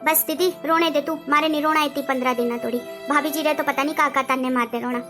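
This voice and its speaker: A woman's voice: high-pitched, steady tone, quick pace, music in the background, lightly acted. A woman doing a wounded younger sister. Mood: hurt. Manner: complaining, wounded. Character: hurt young married woman visiting her childhood home.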